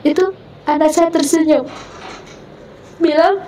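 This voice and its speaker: Woman guest, high, dark-toned voice, heartfelt testimony, distant mic. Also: fairly even intonation, moderate pace. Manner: quotes family members in her own voice, rising high when moved. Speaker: guest telling her conversion story. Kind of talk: emotional personal testimony.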